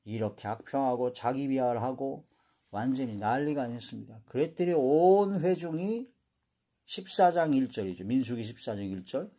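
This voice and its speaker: A man giving a Bible exposition, reading verses aloud and explaining them, trailing off quietly at the end of sentences. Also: medium pitch, lively intonation, normal speed. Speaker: Bible teacher.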